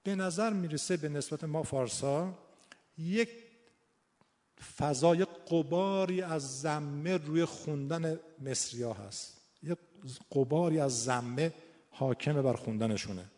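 A man's voice: on the high side, a little mellow. Man teaching recitation in a reverberant hall. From Iran. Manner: thinks aloud, repeats key words for emphasis. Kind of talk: informal teaching talk.

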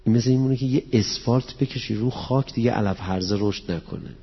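A man's voice: mid-range voice, breathy edge. A man preaching to a gathered audience, mixing in quotations of scripture and poetry and leading them in prayer. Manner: quotes Arabic scripture and Persian verse, explains it plainly. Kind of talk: religious lecture. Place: hall with an audience. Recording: dull, echoey hall recording.

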